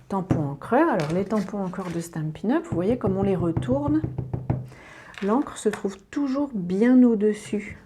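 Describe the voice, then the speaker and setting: A woman's voice: medium pitch, noisy background. A woman giving a hands-on papercraft tutorial, chatting step by step with little asides as she works at her table. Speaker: papercraft demonstrator. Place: indoors at a craft table.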